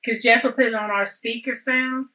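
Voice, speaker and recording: A woman hosts a casual talk show, telling lively family stories and playing out the people in them. Her voice sits high and bright. She sounds a little away from the mic. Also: normal speed, distant mic, poor audio. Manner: animated storyteller, mimics family members. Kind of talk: casual chat.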